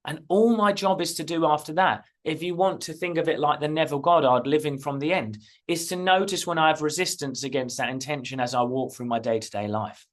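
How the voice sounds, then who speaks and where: A man's voice: a little high, a little fast, hardly any pauses. A middle-aged man hosting his own channel as a spiritual coach, talking earnestly and emphatically, often repeating phrases. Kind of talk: casual direct-to-camera talk.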